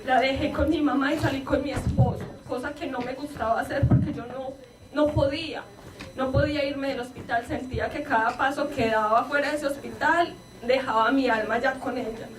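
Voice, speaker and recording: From the pulpit of a church hall, a Colombian woman pastor gives an earnest personal testimony, acting out the dialogue as she retells it with rising emotion. Her high-pitched voice holds a steady tone at normal speed. Captured from a distance in an echoey church, it has the congregation's crowd noise all around.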